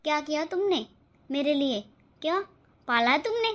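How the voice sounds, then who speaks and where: Woman playing a young cartoon wife, hurt, pleading, very high voice. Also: sing-song, moderate pace, fairly bright tone. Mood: defiant. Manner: pleading, tearful. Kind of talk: cartoon voice acting.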